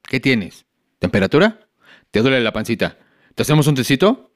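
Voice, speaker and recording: A man's voice: medium pitch, very animated, normal speed, natural voice. A man playing a reassuring Mexican dad. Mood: gentle. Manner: gentle, reassuring. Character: patient caring Mexican father.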